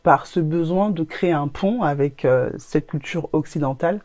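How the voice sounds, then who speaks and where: A woman's voice: sits low, normal speed, a little mellow, no echo. A woman who grew up in Congo, co-founder of a brand, answering interview questions in a reflective, earnest way. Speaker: co-founder of a natural products brand.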